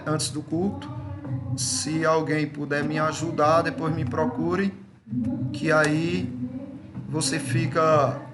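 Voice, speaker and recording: Brazilian church leader, man, fairly high voice, measured pace, keeps checking in with his listeners; faint noise behind. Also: echoey room. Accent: Brazilian Portuguese. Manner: unhurried, steady tag questions like "certo?" and "veja". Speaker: church leader leading a members' meeting. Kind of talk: casual meeting talk and short exhortation. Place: church meeting room.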